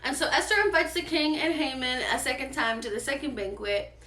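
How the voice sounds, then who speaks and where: A woman hosting a casual Bible study livestream, retelling a story in an animated way. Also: sits high, brisk. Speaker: ministry host, Bible study leader. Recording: echoey room.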